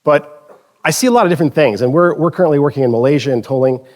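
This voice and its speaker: Giving a conference talk, a man from the Philadelphia area, US, speaks at a quick pace in a slightly high, somewhat mellow voice. His anecdotes come with jokey asides, and he keeps correcting himself partway through sentences in a chatty way.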